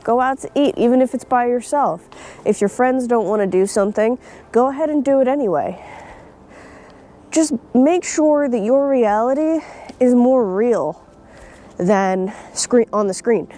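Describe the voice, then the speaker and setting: A young woman speaks straight into her phone while out in nature, her voice a touch high yet mellow and soft-edged. She talks bluntly, swears without a second thought and laughs now and then. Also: unhurried. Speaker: vlogger. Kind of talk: casual opinion vlog. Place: outdoors in nature.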